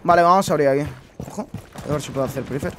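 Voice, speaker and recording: A man's voice: fairly high pitch, rapid-fire, very noisy. A young man from Spain with a Spanish accent, ranting and swearing in casual commentary over his own gameplay. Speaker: gaming streamer. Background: game sounds.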